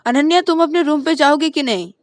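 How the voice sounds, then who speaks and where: A woman's voice: fairly low pitch, moderate pace, no echo, close to an everyday voice. A woman voicing a strict middle-aged mother who scolds and orders. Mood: scolding. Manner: loud, scolding.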